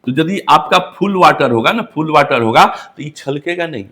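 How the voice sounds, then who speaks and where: A middle-aged man from Bihar, India, with a Bihari Hindi accent, gives a classroom English lesson, echoing students' questions and then answering them himself. His voice sits on the high side, a bit bright, with lively intonation at a normal speed.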